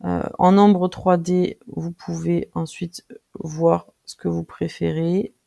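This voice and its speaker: Tutorial presenter, casual screen-recording, very creaky and mellow, hesitant with lots of fillers. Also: medium pitch, flat delivery. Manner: hesitant, frequent filler pauses while clicking through; friendly, addresses viewers directly.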